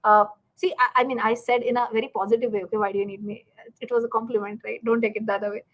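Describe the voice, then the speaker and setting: A woman with an Indian accent, her voice on the high side and rapid-fire, teaches finance as host of a live stream. She chats animatedly and emphatically with her learners, poses questions she answers herself, and checks in with "right" and "okay". The recording is muffled.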